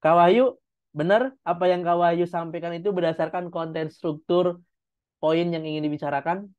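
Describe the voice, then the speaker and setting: Coach on a dull video call. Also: male voice, on the high side, steady tone, moderate pace, clear, resonant tone. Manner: encouraging, explains step by step, with demonstrations. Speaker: public speaking coach. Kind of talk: online class feedback.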